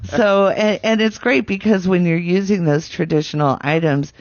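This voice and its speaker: A woman hosting a radio show, chatting casually and telling stories in an animated, conversational way. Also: on the low side, normal speed, dry recording, highs cut off. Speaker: radio host. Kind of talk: casual on-air interview chat.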